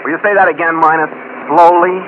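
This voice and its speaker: An actor playing a dry, wisecracking detective's assistant in 1940s radio drama style. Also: male voice, on the high side, fairly even intonation, quick pace, natural voice. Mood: wry. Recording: muffled old radio broadcast with hiss.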